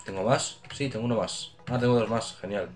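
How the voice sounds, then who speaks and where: A man with a Spain Spanish accent doing casual gameplay commentary as a gaming channel host, excitable, swearing and cheering on his teammates. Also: lowish voice, a little fast, faint music behind.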